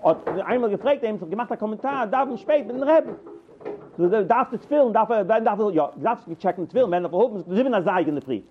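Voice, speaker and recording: A man telling rambling personal anecdotes, halting and repeating himself as he goes. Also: high-pitched, a little hiss or hum. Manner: halting, repeats and restarts words, animated. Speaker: storyteller. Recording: tinny phone-like line.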